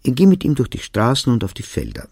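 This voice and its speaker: A man voicing a calm, reserved mother who is a teacher, speaking in a quiet, measured way. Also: mid-range voice, husky, no room sound, clean studio sound, exaggerated voice. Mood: matter-of-fact.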